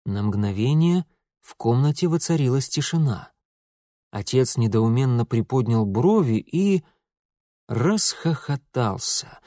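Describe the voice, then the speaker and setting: A man narrating an audiobook in an even, measured reading. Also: mid-range voice, no room sound, clean studio sound. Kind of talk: scripted narration.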